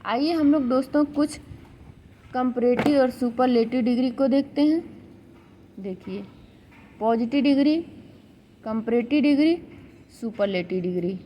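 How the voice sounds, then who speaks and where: High-voiced woman teaching grammar. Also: warm tone, a little hiss or hum, poor audio. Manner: slow, explanatory, repeats words while correcting herself; sounds out syllables word by word. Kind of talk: exam-prep video lecture.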